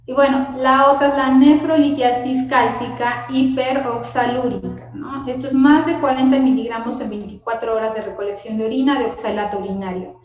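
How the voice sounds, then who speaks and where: Woman w/ teaching a med class, fairly high voice, lots of fillers, echoey dull recording. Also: fairly even intonation, moderate pace, hardly any pauses. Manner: explanatory, with frequent fillers and asides to students. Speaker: medical lecturer.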